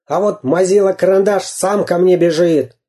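A narrator voicing a brutish bearded pirate captain in a gruff, barking way. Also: mid-range voice, moderate pace, warm tone, voice pushed up, close to an everyday voice. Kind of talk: audiobook character voice.

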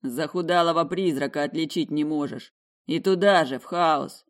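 A woman voicing a rude young male necromancer who drawls his insults slowly. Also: deep voice, lightly acted. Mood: sneering. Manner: slow, sneering, contemptuous.

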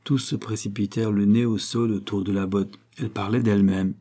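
Male narrator, audiobook, husky voice, dark mellow tone. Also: lowish voice, fairly even intonation, a little fast. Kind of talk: scripted narration.

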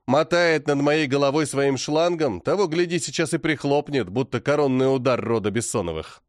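A man narrating a first-person fantasy audiobook in a dramatic, expressive way. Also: mid-range voice, normal speed, no echo, clean studio sound.

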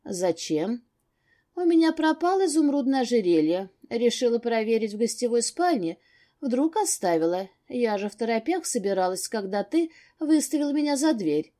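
A woman's voice: fairly high pitch, very animated, moderate pace, mellow. A woman voicing a haughty, scheming young mistress in an audiobook, with a sly, mocking manner.

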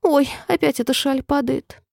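Shrill whiny old queen from a storybook, squeals and wails, a lady reading doing the voice, dry close sound. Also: normal speed, creaky, dry recording. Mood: fretful. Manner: wailing, squealing cries, then oddly calm. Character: fretful, whimpering old female queen, very high and shrill.

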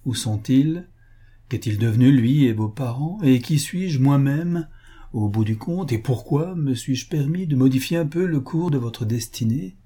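A man voicing a sly male villain who speaks in a honeyed, ironic, mockingly gentle way. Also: mid-range voice, animated, unhurried, pitched above the performer's own voice. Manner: smooth, honeyed, mock-gentle.

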